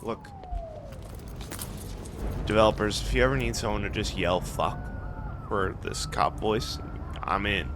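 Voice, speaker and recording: A man's voice: lowish voice, measured pace, pauses often, noisy background. A man giving casual, sweary gameplay commentary with a sarcastic, jokey manner. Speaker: game streamer.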